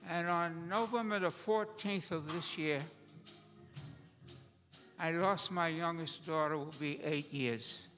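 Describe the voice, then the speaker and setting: Older man, deacon, very slow, high voice, echoing church hall. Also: bright, forceful tone, soft background music. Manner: slow, earnest, halting. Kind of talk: personal words before prayer. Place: church sanctuary. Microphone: lectern microphone.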